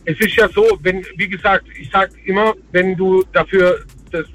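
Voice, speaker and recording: A man's voice: high voice, fairly even intonation, moderate pace, fairly bright tone, faint music behind. A man calling in to a radio show over a phone line from the road, talking hesitantly with many fillers. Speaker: radio call-in caller. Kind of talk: casual call-in chat.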